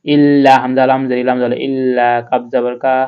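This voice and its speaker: Male Quran tutor, flat and smooth delivery, slightly dull audio; spells letters, then chants. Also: medium pitch. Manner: spells out letters and vowel marks slowly, then chants the verse. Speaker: Quran reading teacher. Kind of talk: step-by-step spelling lesson.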